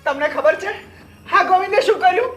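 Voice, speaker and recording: An actor playing a cheated brother-in-law who complains in exasperation, in a family film drama. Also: male voice, extremely high pitch, brisk, fairly bright tone, reverberant, faint music behind. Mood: exasperated.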